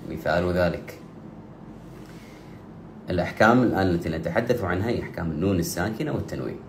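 A man teaching Quran recitation rules, explaining steadily and slowing down for drawn-out recited examples. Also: deep voice, expressive, reverberant, a little hiss or hum. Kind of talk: tajweed lesson with slow demonstrations.

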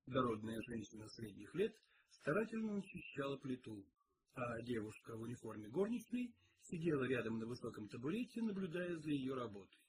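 A man narrating an audiobook in an expressive storytelling manner. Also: medium pitch, fairly quick, noisy background. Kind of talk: audiobook reading.

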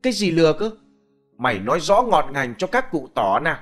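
A man's voice: on the high side, big pitch swings, fairly quick, soft background music. Storybook villain: male narrator doing a greedy old landlord, irritable and blustering. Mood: angry.

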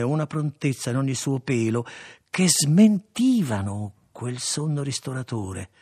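A man reading a literary story aloud as an audiobook narrator, in a gravelly, husky voice with expressive, dramatic delivery. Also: mid-range voice. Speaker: audiobook reader.

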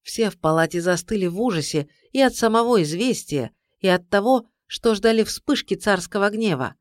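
A narrator reading a historical tale aloud in a measured, dramatic way. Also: mid-range voice, animated, dry recording. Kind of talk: scripted audiobook narration.

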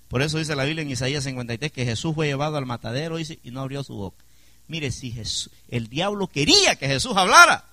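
A pastor preaching with a lively, swinging delivery and a bright, forceful tone. He stays emphatic and keeps asking the congregation questions, calling for amen. His voice sits a little high and sounds dry and close. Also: no echo. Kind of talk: sermon.

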